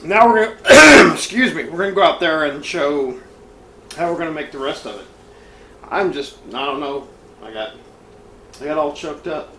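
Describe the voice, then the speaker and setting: A man's voice: on the high side, expressive, normal speed. A man hosts a casual cooking demonstration in his home kitchen. He rambles and swears freely in a folksy way. The room sounds roomy, with a faint hiss behind him. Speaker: cooking show host.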